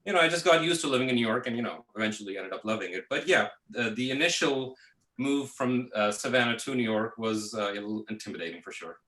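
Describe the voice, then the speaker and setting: Man from Pakistan, bright and roomy. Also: mid-range voice, quick pace. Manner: relaxed, full of fillers like "uh" and "you know". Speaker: guest, visual effects artist. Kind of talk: casual interview answers.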